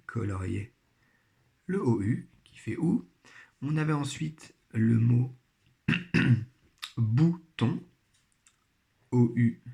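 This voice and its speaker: Man, primary teacher, slow patient delivery, careful syllable-by-syllable articulation, mid-pitched voice. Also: gravelly, mellow. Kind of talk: recorded remote phonics lesson.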